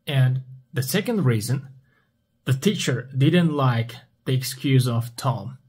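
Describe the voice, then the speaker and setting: A man teaches at a very unhurried pace. His voice is husky and mid-pitched. He asks a question, pauses, and then answers it himself in simple words. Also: animated, a little mellow. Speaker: English teacher. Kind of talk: slow question-and-answer language lesson.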